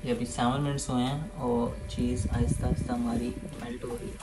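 A man hosts a home cooking video from his kitchen, chatting casually and walking viewers through each step. His voice is mid-range and level in tone, and he talks fairly quickly. The room sounds echoey, with music playing in the background.

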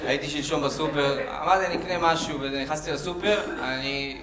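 A man's voice: fairly high pitch, background noise. A man doing a stand-up comedy set on a club stage, telling stories and acting out the dialogue in raised voices. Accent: Israeli. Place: club stage before a live audience. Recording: roomy club sound with crowd laughter.

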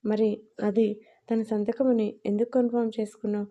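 A woman's voice: medium pitch, little pitch movement, normal speed, mellow, natural voice. A woman voicing a protective, shrewd male friend who asks firm, probing questions in an audio story.

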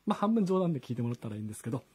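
A man's voice: medium pitch, very animated, racing, warm tone, slightly rough. A singer-songwriter chatting casually from his home studio, greeting viewers by name and reading their comments aloud. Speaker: singer-songwriter hosting a live stream. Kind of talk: casual chat to online viewers.

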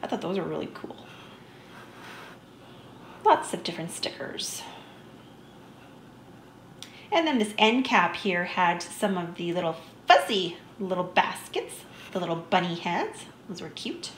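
A woman's voice: lowish voice, very animated, measured pace, long pauses, a bit bright, roomy sound, a little hiss or hum. A woman narrating a shopping vlog in a chatty, easygoing way, enthusiastic about small finds. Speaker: vlogger. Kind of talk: shop-with-me voice-over narration.

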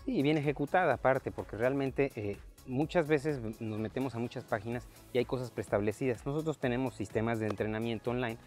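A man's voice: mid-range voice, brisk, few pauses, faint music behind. A man in his thirties hosting a casual fitness chat outdoors in a park, talking loosely with fillers, on a lapel mic. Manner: relaxed, conversational, frequent fillers. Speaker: fitness coach and host. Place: outdoor park workout area.

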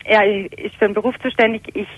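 A middle-aged woman calling a radio show over a landline phone, talking in a concerned, measured and thoughtful way. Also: medium pitch, steady tone, no room sound, highs cut off. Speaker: caller.

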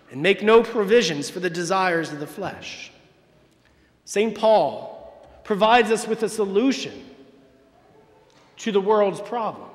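A man in his thirties, a parish priest, preaching a Sunday homily from the pulpit with emphatic pauses. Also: high-pitched. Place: large church, from the pulpit. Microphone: far camera, church sound system. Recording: long church reverb.

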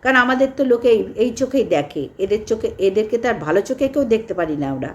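A woman vlogger giving an indignant critical commentary, repeating her points with emphasis. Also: racing. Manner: indignant, repetitive, lively pitch swings.

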